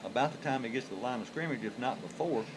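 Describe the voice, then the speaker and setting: Over a loud crowd and a rough recording, this man calls a high school football game in an animated, quick mid-range voice. His play-by-play is conversational and folksy, typical of a live game broadcast with noticeable background sound.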